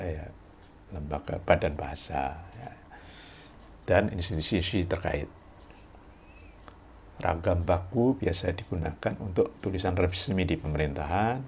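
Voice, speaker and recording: A man giving a recorded university lecture, explaining slowly with frequent tag words and pausing to read examples aloud. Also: low-pitched, darkish tone, a little hiss or hum. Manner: explains slowly with many "ya" tags and reads examples aloud with deliberate pauses.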